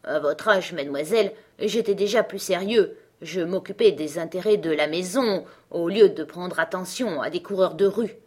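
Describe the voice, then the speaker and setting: Gruff stingy merchant, curt and impatient, as a woman reads him, storybook. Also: lowish voice, normal speed, hardly any pauses.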